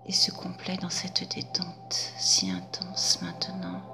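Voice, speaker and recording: A woman guiding a hypnosis session, speaking softly in a drawn-out half-whisper. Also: lowish voice, very animated, creaky.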